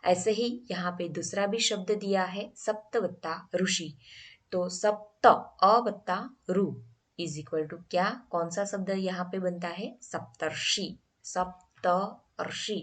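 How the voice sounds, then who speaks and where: A woman's voice: on the low side, fairly even intonation, takes it slowly. A woman teaching a grammar lesson, explaining each rule step by step and asking the class questions.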